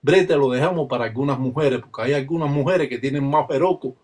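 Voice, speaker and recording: An older Cuban man speaks as a religious elder, solemn and insistent, his voice husky and slightly rough. He teaches in measured phrases and slips into rhythmic chanted call-and-response lines. His pitch sits in a middle range for a man. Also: a little mellow. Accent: Cuban Spanish. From Cuba.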